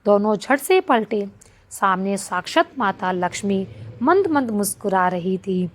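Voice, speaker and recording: A woman narrating a devotional story in an expressive reading voice. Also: mid-range voice, a little slow.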